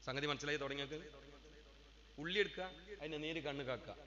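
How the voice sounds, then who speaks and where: A man preaching at a madrasa gathering, moving between chatty asides and loud, drawn-out chanted declamation. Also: on the high side. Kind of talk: Islamic sermon. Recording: dull lo-fi sound with long hall reverb.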